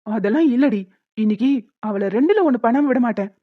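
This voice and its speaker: In a dull, lo-fi, dry recording with no room sound, a woman voices a hot-tempered young man in a cartoon, an elder brother ranting indignantly. Her voice is a little high and animated, fast and blustery.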